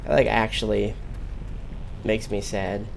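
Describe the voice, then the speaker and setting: A man's voice: fairly low pitch, flat delivery, a little slow, low-quality recording. A man giving casual, rambling commentary as he streams a video game, musing aloud. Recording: clear game noise behind.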